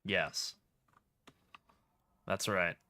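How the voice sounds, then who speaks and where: Low-voiced guy streaming a game, crisp dry close mic, joking around. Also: fairly even intonation, extremely slow, bright, forceful tone, dry recording. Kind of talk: casual gameplay commentary.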